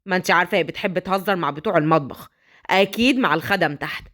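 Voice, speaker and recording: A woman voicing a cold, dismissive wealthy father who scolds in a low Egyptian voice. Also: rapid-fire, fairly bright tone, lightly acted. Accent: Egyptian Arabic.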